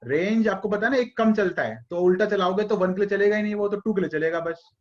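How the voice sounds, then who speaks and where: Male teacher, online class, high-pitched, coaxing, calls on students by name, dull lo-fi audio. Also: expressive, a little fast, a little mellow.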